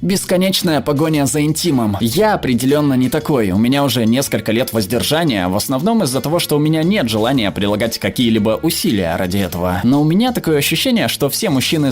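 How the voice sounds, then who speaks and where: Animated male narrator reading comments aloud. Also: mid-range voice. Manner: expressive reading, voicing quoted people. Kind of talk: scripted narration.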